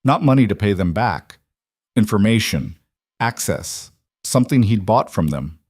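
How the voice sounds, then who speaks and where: A man voicing a frightened young woman in an audiobook, keeping her voice strained but steady. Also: on the low side, a little slow, husky, no echo, clean studio sound, exaggerated voice. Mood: tense. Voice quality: strained, trying to stay steady.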